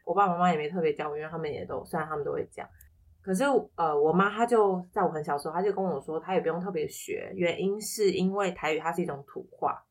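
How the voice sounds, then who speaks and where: Lower-pitched woman, Taiwanese Mandarin accent. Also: fast talker. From Taipei, Taiwan. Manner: reflective, explanatory, quotes others in anecdotes. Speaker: podcast guest. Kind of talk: casual personal storytelling in an interview.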